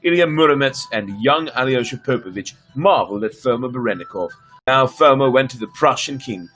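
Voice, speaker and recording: Faint music sits behind a man whose mid-range voice is expressive, fairly bright, and a little fast. Hosting a livestream, he reads fairy tales aloud with theatrical flair and playfulness, peppering them with chatty asides.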